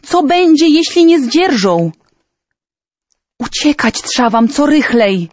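A woman's voice: high-pitched, sing-song, slow, a little mellow, no room sound, pitched above the performer's own voice, full character voice. A woman voicing a frightened, pleading middle-aged townsman in a storybook reading. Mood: fearful. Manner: anxious, pleading, raised voice.

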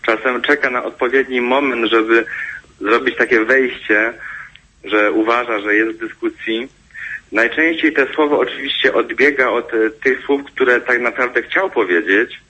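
Bright-voiced man explaining on radio. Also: medium pitch, husky. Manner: explanatory, measured. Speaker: radio guest, stuttering expert. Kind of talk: radio interview. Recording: dull radio broadcast sound.

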